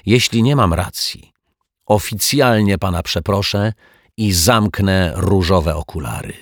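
A man's voice: deep voice, measured pace, no room sound, clean studio sound. A man voicing a kind, earnest and slightly naive detective in a children's storybook. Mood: calm. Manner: earnest, calm.

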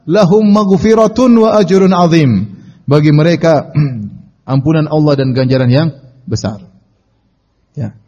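A man giving a Quran study lecture as a preacher, telling stories in a lively way and calling out the lines he quotes. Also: mid-range voice. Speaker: Islamic preacher. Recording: dull audio with long reverb.

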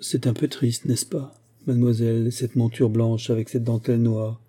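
A man voicing a polite young gentleman making courteous small talk. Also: medium pitch, flat delivery, normal speed, breathy edge, lightly acted.

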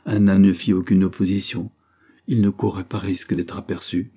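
A man narrating a classic novel as an audiobook in a steady, even reading style. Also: low-pitched, moderate pace, slightly rough.

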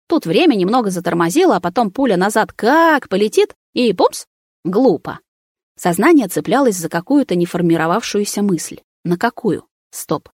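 A woman's voice: on the low side, husky, no echo, clean studio sound. A woman narrating a first-person story as an audiobook, reading every character's lines in her own voice.

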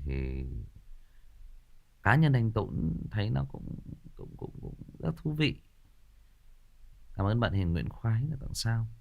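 A man with a lowish voice, its high frequencies cut off, hosts a ghost story channel during a casual livestream chat. He jokes around playfully and tends to repeat words while hunting for the next one.

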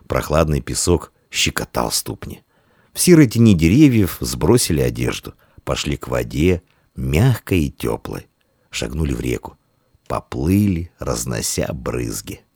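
Male audiobook narrator, deep voice, wide melodic delivery. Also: creaky, slightly rough, dry recording, studio quality. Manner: expressive storytelling.

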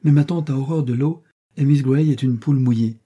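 A man's voice: mid-range voice, a little fast, mellow, breathy edge, lo-fi sound, voice pushed up, lightly acted. A man reading aloud and voicing an impatient, haughty young Russian princess in a raised, imperious tone. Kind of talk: audiobook character voice.

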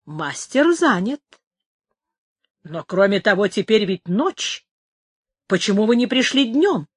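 A woman's voice: medium pitch, sing-song, takes it slowly, slightly rough, no echo, studio quality, full character voice. A woman voicing a wary male yard worker who questions a stranger bluntly, in a story reading.

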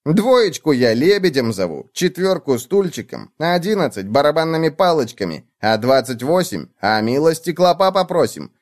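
A man voicing a mischievous, boastful little bedbug prince in a high, teasing voice for a children's storybook. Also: big pitch swings, moderate pace, few pauses.

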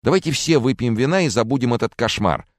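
A man's voice: mid-range voice, expressive, fast, no room sound, studio quality, pitched above the performer's own voice, close to an everyday voice. A man voicing a nervous young man babbling placating words, in an audiobook.

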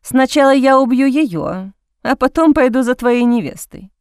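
Cold cruel henchwoman, short clipped threats, pitched up a bit, woman doing the voice. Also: expressive, moderate pace, darkish tone, clean tone, dry recording, studio quality. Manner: cool, curt, threatening.

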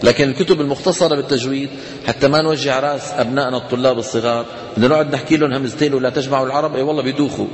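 With a steady, medium-pitched voice and a Levantine Arabic accent, a man teaches tajweed in a hall with echoey reverb. He talks to students casually, asks rhetorical questions to check they follow, and chants examples slowly.

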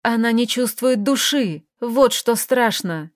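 A woman narrating an audiobook in a measured, expressive reading. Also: fairly high pitch, no room sound, clean studio sound.

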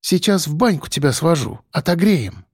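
A man's voice: a little high, very animated, normal speed, husky, no room sound, studio quality, pitched above the performer's own voice. A man voicing a kindly, bustling village housewife who fusses over a guest. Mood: fussing. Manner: bustling, soothing.

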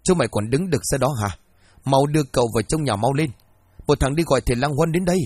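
A cruel, harsh old village master, as a male narrator acts him out, barking orders and threats. The voice is husky and dry, close to the mic. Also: mid-range voice, animated, fast, a little mellow, dry recording.

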